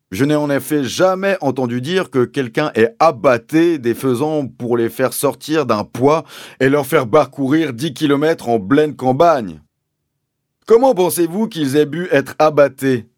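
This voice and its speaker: A man voicing a pompous, deliberate village police sergeant who speaks slowly and officiously. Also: medium pitch, dry recording, clean studio sound, voice pushed up, lightly acted.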